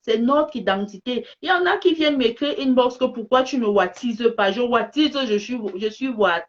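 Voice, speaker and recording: Cameroonian French woman, higher voice, forceful repeated points, somewhat dull lo-fi sound. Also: expressive, moderate pace. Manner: emphatic, repeats key phrases. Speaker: vlogger giving opinions. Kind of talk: passionate monologue to camera.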